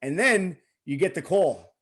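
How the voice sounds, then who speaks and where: Male host, slightly high voice, gushing fan energy, loose casual talk. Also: animated, measured pace, a bit bright, husky. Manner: enthusiastic fan, swears freely, quotes lines. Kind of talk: casual interview chat.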